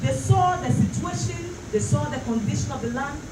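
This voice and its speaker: High-pitched woman preaching, echoey and distant. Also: animated, moderate pace. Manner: emphatic repetition, rhetorical questions to congregation. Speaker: pastor preaching. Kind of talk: fervent church sermon. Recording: roomy, distant mic, clearly noisy.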